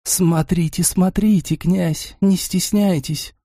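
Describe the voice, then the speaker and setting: A man's voice: high-pitched, fairly even intonation, takes it slowly, dark tone, dry recording, voice pushed up, heavily acted. Man doing a haughty rich seductress, raised voice, teasing, dry close sound, audiobook. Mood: flirtatious. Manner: teasing, flirtatious, then furious.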